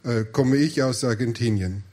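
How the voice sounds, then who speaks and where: Male church interpreter, mid-pitched, phrase-by-phrase delivery, frequent hesitations and self-corrections. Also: moderate pace, a little mellow. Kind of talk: live sermon interpreting.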